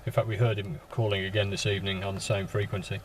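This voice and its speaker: Casual radio chat with call signs comes from a male amateur operator in a parked vehicle, some noise in the background. He speaks in a low, flat, halting manner and keeps repeating words.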